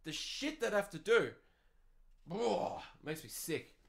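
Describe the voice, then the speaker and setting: An Australian man hosting a solo podcast, ranting crudely and cursing, jumping from loud outbursts to muttered asides. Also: high voice, very animated, slow, gravelly. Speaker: podcast host.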